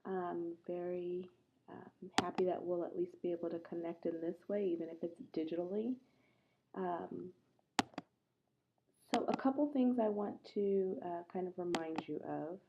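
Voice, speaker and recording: A woman's voice: on the low side, noisy background. Woman lecturing from the bottom of a well. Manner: conversational and earnest, often pausing to ask the class questions. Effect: hollow, muffled sound as if at the bottom of a well. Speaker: instructor. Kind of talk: recorded online lecture. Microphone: laptop microphone. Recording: muffled lo-fi laptop recording.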